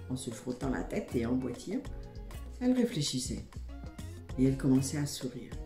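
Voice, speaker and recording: A woman's voice: low voice, warm tone. A woman from Côte d'Ivoire narrating a folk tale aloud, with chatty asides to her listeners. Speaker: storyteller. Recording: roomy echo, faint music.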